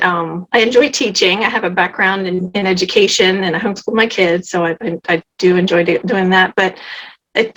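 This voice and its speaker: A woman's voice: medium pitch, fairly bright tone, dull audio. A woman guest in a casual interview, talking effusively and enthusiastically about her work. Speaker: interview guest, channel creator.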